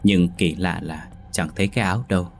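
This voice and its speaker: A man narrating a ghost story in a slow, measured, suspenseful scripted style. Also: sits low, fairly even intonation, creaky, darkish tone, a little hiss or hum.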